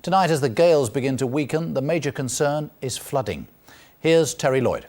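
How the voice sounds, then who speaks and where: A man reading the evening news as anchor, in a measured, formal delivery, heard from a worn VHS tape copy. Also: mid-range voice, lively intonation, darkish tone.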